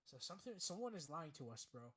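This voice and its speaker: Young man, podcast co-host, somewhat raised pitch, blunt, swears freely, rambling explanations. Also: very animated, fast, sharp tone, slightly rough. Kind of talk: casual chat.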